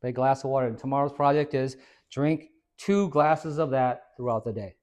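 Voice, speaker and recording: A man who is a fitness trainer, giving an informal, energetic talk to a small audience. He quizzes the listeners and tags many points with "right?". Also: medium pitch, normal speed. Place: hair and skin salon, indoors.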